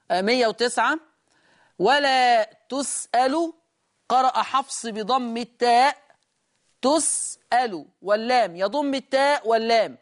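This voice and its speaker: An Egyptian-accented man teaches in a calm, explanatory way. He repeats each word slowly to show how it is read, then carries on at a plain conversational pace. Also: very high voice. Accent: Egyptian Arabic. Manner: patient, repeats words to demonstrate readings. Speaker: Quran teacher hosting a call-in lesson.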